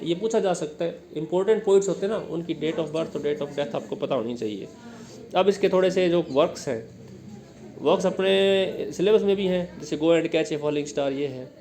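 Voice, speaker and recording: A man's voice: a little high, mellow. A male teacher giving an exam-prep lecture, explaining step by step and drilling his students with questions. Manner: explains step by step, often checks with "ठीक है?".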